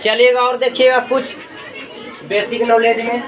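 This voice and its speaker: In a classroom lesson, a male teacher with a very high, level voice speaks unhurriedly, repeatedly posing questions and answering them himself. Students can be heard around him amid crowd noise, and the distant mic picks up an echoey room.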